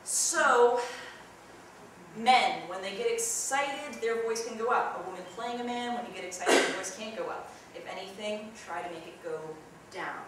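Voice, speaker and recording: A young woman runs an acting workshop, chatting through tips and jumping into demonstrations. She is picked up from across a big room, so her voice rings with heavy echo. A steady hiss of noise sits under the whole recording. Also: mid-range voice, normal speed. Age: young adult. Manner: chatty, demonstrative, jumps into loud yelled examples. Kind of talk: teaching a theatre workshop. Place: large echoey room. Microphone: distant camera mic. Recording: echoey room from far off, noisy.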